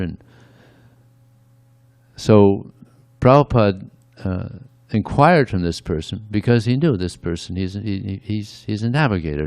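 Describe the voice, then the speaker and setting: A man's voice: on the low side, vocal fry, darkish tone, dry recording. A man giving a conversational devotional sermon, often adding "yeah" between points. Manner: conversational, frequent "yeah" asides. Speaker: speaker at a temple.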